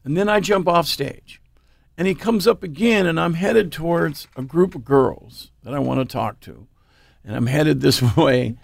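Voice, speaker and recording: A blues musician from Oregon, United States, casually tells an anecdote during an interview in a fairly high-pitched, somewhat slow voice with vocal fry and no echo. As he tells the story, he acts out the quoted dialogue in different voices.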